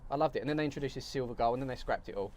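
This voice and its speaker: A man with a Birmingham accent co-hosting a casual football chat, talking in quick, jokey banter. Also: mid-range voice, darkish tone. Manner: fast, chatty, jokey banter. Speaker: co-host. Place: studio set.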